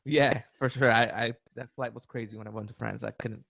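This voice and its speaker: A man's voice: medium pitch, steady tone, brisk, creaky, fairly bright tone, no echo. A man with an American accent hosting an interview show, talking in a laid-back, slangy way and repeating his phrases. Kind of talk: casual interview chat.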